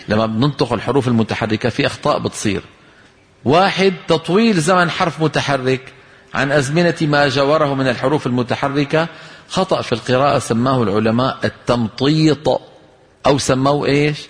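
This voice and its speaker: A man's voice: medium pitch, a little fast. A man teaches Quran recitation, explaining rules and quizzing his listeners. He breaks into short chanted examples now and then. His voice carries a long reverb, as if in a big hall. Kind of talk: tajweed lesson with recited examples.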